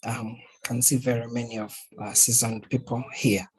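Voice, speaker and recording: Hesitant husky male moderator. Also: mid-range voice, little pitch movement, normal speed, rough recording. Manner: hesitant, many fillers. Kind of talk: moderating an online panel.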